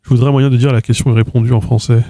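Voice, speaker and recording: A man's voice: medium pitch, little pitch movement, racing, warm tone, no room sound, clean studio sound. A man from France in his thirties chatting casually on a livestream, trying out languages with hesitant fillers. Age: 30s. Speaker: streamer.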